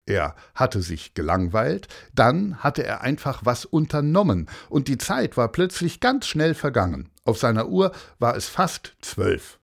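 A man reading a children's story aloud in an expressive storytelling manner. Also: medium pitch, measured pace, creaky, hardly any pauses. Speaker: narrator.

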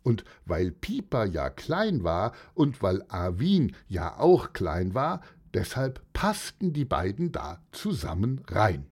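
A man narrating a children's story who speaks gently and addresses young listeners directly. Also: on the low side, huge pitch swings, slow, few pauses, husky.

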